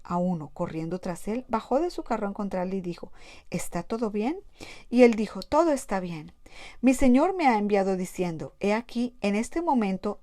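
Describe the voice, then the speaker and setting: A woman's voice: mid-range voice, dry recording. Woman reading scripture, dry close sound. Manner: plain steady reading with small restarts. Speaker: Bible reader. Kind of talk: Bible reading aloud.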